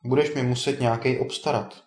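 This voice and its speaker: A man voicing a kindly, teasing old male wizard in a storybook tale, a bit higher than his narration. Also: steady tone, lightly acted. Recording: roomy echo.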